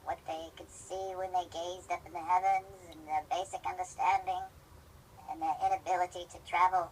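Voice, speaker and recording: Man with pitch-shifted chipmunk voice. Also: flat delivery, normal speed, slight background noise, poor audio. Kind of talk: commentary video played as a clip.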